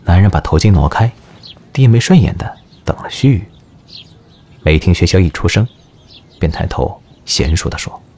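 A man narrating an audio drama in an expressive storytelling manner. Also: deep voice, normal speed, pauses often.

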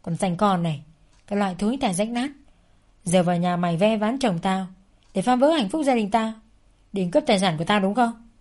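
A woman's voice: medium pitch, a little fast, a little mellow, natural voice. Woman voicing a venomous older mother-in-law. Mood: venomous, screaming. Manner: venomous, shrieking insults.

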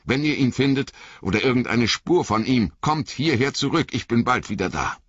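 A grim ranger, commanding and urgent, as a man reading aloud plays him, with a lively, husky voice. It sounds dry and close. The audio is a bit dull. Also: mid-range voice, normal speed, no echo, pitched above the performer's own voice.

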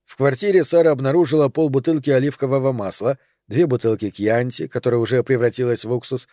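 A man reading a novel aloud in measured, even narration. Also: medium pitch, no room sound, studio quality. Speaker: audiobook reader. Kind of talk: scripted narration.

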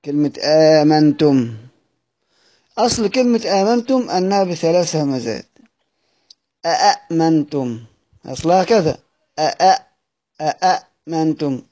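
A man with an Egyptian Arabic accent gives a patient lesson, his voice slightly high and soft in tone. He slows down to repeat words sound by sound and poses his own questions before answering them. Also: expressive. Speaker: teacher of Quranic readings. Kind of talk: explanatory lesson.

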